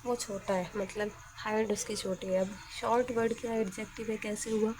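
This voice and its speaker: A woman's voice: medium pitch, fairly even intonation, normal speed, a little mellow, a little hiss or hum. A woman teacher explaining grammar step by step in a patient manner, often asking questions and then answering them herself.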